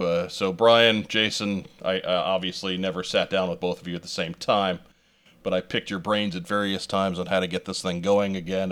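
A man hosts a podcast with a slightly low voice, sounding tired at the end of a late session. He teases his co-hosts in a wry, joking way as he wraps things up. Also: fairly bright tone. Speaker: podcast host. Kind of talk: casual late-night podcast chat.

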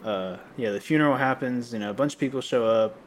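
A young man in casual chat, telling a long story with lots of fillers and restarts, and a slightly rough voice that he often clears. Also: mid-range voice, quick pace, slight background noise. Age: young adult. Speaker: podcast co-host.

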